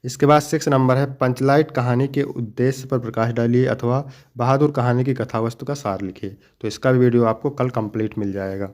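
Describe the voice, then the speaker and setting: A man's voice: medium pitch, steady tone, brisk, few pauses, a little mellow. A young man teaching, walking students step by step through the questions and answers of an exam paper and addressing them fondly. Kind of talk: exam paper walkthrough lesson.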